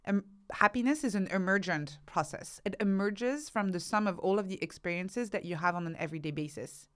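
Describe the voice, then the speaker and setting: Speaking briskly in a smooth, mid-range voice, a woman who is an author and researcher talks as an interview guest. Her explanations are thoughtful and emphatic, and she tends to build her points by listing examples.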